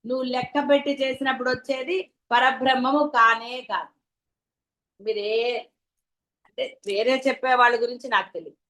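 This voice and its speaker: A woman's voice: a little high, steady tone, moderate pace, pauses often, a bit bright, low-quality recording. A woman with a Telugu accent giving a devotional discourse as a spiritual teacher, asking her listeners rhetorical questions.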